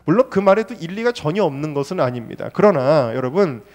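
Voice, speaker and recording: A man's voice: a little high, lively intonation, fast talker, a little mellow. A male pastor preaching a Sunday sermon in church, asking the congregation rhetorical questions and stressing points by repetition. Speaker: senior pastor. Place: church service.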